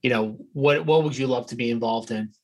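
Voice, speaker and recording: Man, interview host, average pitch, casual chatty questions, loose phrasing. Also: fairly quick, poor audio.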